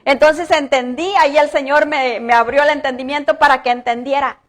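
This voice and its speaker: High-voiced woman pastor preaching earnestly. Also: steady tone. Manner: earnest, rises with emphasis, slows to read scripture. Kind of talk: sermon. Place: church.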